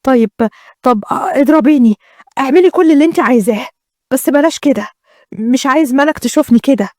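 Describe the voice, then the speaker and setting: A woman's voice: high-pitched, fast talker, a little mellow, no room sound, studio quality, natural voice. A woman with an Egyptian accent voicing a wealthy husband who apologizes and begs his wife. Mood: begging. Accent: Egyptian Arabic. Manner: apologetic, pleading. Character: rich weak-willed husband, man.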